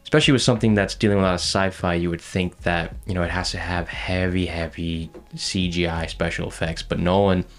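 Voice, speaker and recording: A man's voice: low-pitched, fairly even intonation, fairly quick, hardly any pauses. A man in a casual film chat, talking with enthusiasm and rambling through restarts.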